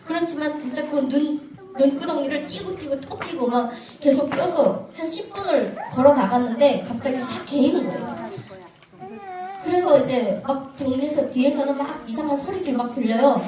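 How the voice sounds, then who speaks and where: A woman tells her story in a high, animated voice and laughs her way through the tense parts. She sounds a little away from the mic. Her voice echoes in a hall, with an audience around her. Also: moderate pace, recorded from a distance, a crowd in the background. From North Korea. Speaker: speaker giving testimony. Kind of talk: personal testimony to an audience.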